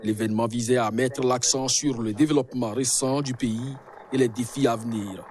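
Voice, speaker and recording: A man's voice: mid-range voice, steady tone, moderate pace, darkish tone. A man reading a news report in a formal way.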